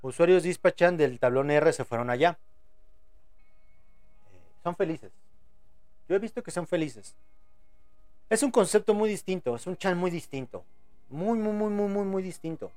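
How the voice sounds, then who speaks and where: A man's voice: high-pitched, expressive, normal speed, long pauses, darkish tone. A young Mexican man hosting a live podcast in casual, rambling chat, full of crude slang, stuttered repeats and restarts. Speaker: podcast host.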